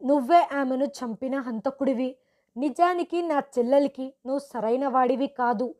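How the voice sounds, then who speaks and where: Bitter in-laws hurl blame in an accusing storybook voice, as a woman narrator reads them. Her tone stays high. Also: normal speed, a little mellow, close to an everyday voice. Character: angry grieving in-laws, accusing.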